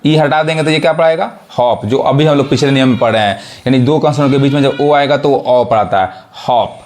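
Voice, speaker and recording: A man's voice: medium pitch, fast, a little mellow, slight background noise. A man teaching an English pronunciation lesson, who spells words out letter by letter and keeps asking whether his students follow. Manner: repeats check questions, spells words letter by letter. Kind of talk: spoken classroom lesson.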